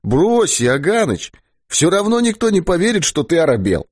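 A man doing a high, teasing male engineer. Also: sing-song, normal speed, husky.

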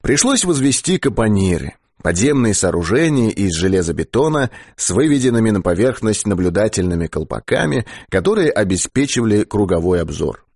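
Male audiobook narrator, low husky voice, lively pitch, dry close sound. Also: fairly quick, few pauses, dry recording. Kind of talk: audiobook reading of science fiction.

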